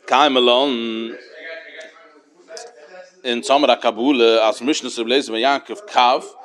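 A man's voice: medium pitch, fairly even intonation, slow, a bit bright. A man teaching a Talmud lesson in a sing-song study cadence with many fillers.

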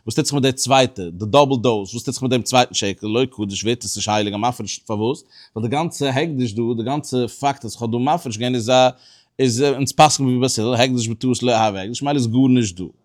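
Man giving a halting Talmud lecture. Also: mid-range voice. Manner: halting and explanatory, with many restarts. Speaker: religious teacher.

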